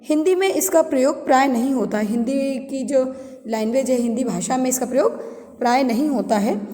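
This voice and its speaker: A woman teaching a grammar lesson to students. She reads each definition, then repeats and explains it slowly in simpler words. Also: high-pitched, mellow, big-room sound. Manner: addresses students directly. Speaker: Hindi teacher.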